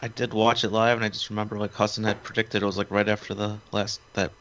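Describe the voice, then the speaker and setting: A man co-hosting a casual podcast, talking in a relaxed, easygoing way. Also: fairly low pitch, fast, slight background noise. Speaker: podcast co-host. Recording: dull, muffled sound.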